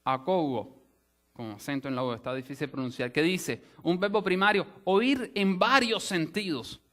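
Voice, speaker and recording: A man preaching to his congregation with a fairly high-pitched voice. He teaches patiently, stopping to rephrase his points and restarting words as he goes. His delivery is a sermon given as a lesson. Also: animated, moderate pace, bright, forceful tone. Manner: explanatory teaching with frequent restarts and "o sea" asides. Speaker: pastor. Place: church sanctuary.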